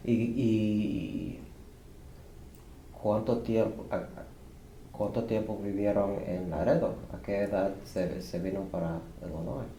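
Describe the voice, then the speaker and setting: A man interviewing someone, asking halting, searching questions. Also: fairly low pitch, fairly even intonation, dark tone. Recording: roomy room with faint noise.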